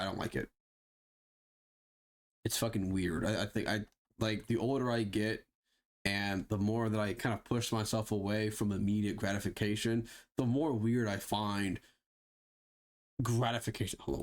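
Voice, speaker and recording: A man's voice: fairly low pitch, normal speed. A man streaming a game live, chatting casually to himself and viewers, with sarcastic asides and plenty of swearing. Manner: talks to himself while browsing and fiddling. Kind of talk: casual live gameplay commentary.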